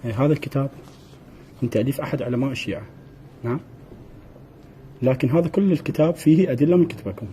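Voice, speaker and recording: A young man confronting people inside a mosque, insistent and loud, repeating himself in a heated argument. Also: medium pitch, fast, long pauses. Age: young adult. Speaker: visitor confronting worshippers. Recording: noisy crowd in a mosque.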